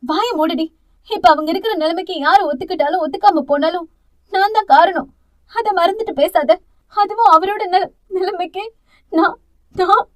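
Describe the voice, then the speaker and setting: A woman's voice: extremely high pitch, steady tone, brisk, darkish tone, voice pushed up. A woman voicing a guilt-ridden young woman who pleads through tears, her voice breaking, in an audio novel. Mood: tearful pleading.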